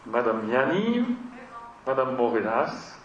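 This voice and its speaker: A man's voice: medium pitch, big pitch swings, slow pace. Hesitant man chairing a council meeting. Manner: hesitant, many fillers and restarts. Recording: echoey room, mic far off, dull sound, faint noise.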